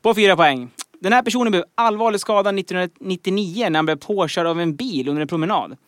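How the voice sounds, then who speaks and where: A man's voice: high voice, dry recording. Upbeat male quiz host, dry sound. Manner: upbeat, animated when reading out clues. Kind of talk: live podcast quiz hosting.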